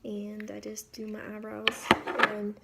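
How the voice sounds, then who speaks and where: A woman's voice: medium pitch, monotone, measured pace, vocal fry, heavy background noise. A woman giving a casual, chatty makeup tutorial, informal and rambling, often interrupting herself with asides. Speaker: beauty vlogger.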